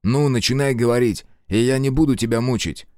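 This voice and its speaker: A man's voice: mid-range voice, fairly quick, dark tone, no room sound, studio quality, pitched above the performer's own voice, lightly acted. A man voicing a tough squad commander who taunts and interrogates a prisoner bluntly. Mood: hard. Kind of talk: audiobook character voice.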